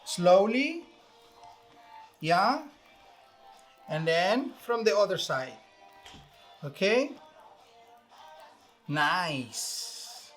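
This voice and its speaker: A very animated, high, slightly bright male voice draws out words and leaves long pauses while faint music plays. The speaker is a Venezuelan chef with a Venezuelan Spanish accent, talking through a recipe step by step in English with many fillers, in a casual cooking demonstration.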